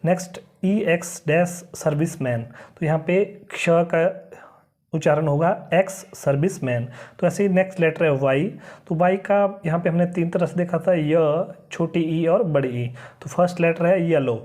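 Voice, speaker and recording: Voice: mid-range voice, a little mellow. An English teacher giving a beginner lesson, spelling each word letter by letter and then pronouncing it in a patient, repetitive way. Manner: spells words letter by letter, then says them slowly.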